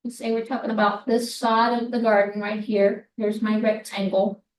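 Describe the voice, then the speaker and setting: A woman math instructor with a hoarse voice, explaining a problem slowly step by step in a recorded lecture. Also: medium pitch, flat delivery. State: hoarse, clearing throat. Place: classroom. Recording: echoey room, mic far off.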